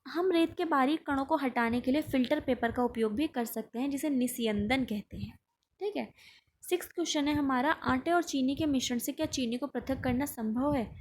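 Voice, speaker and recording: Woman teacher, high-pitched, explanatory classroom delivery, slight room noise. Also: normal speed. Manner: explanatory, often checking in with the listener. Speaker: science teacher. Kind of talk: classroom lesson explaining textbook answers.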